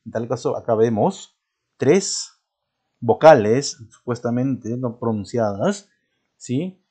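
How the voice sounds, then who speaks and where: A man's voice: mid-range voice, lively intonation, slow, warm tone, slightly rough. A man teaching a grammar lesson step by step. He asks questions and answers them himself, and often checks in with short tag questions. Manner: explains step by step, asking and answering his own questions; points to something he is showing as he talks. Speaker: language teacher.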